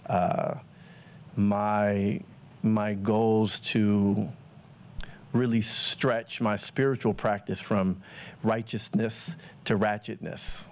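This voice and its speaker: A man giving a casual, thoughtful personal talk to an audience, pausing often with fillers. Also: fairly low pitch, little pitch movement, a little mellow. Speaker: guest speaker.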